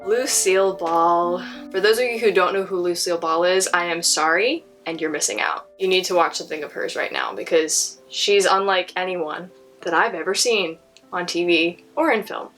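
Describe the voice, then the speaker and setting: A woman's voice: lowish voice, moderate pace, a bit bright, faint music behind. A woman narrating her own documentary film in an enthusiastic, personal way. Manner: enthusiastic, personal, laughs at times. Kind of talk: scripted narration.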